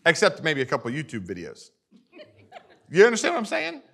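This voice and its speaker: A man preaching a sermon in a fairly high voice. He keeps stopping to ask his congregation whether they agree, and his delivery stays animated throughout. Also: brisk, creaky. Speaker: pastor.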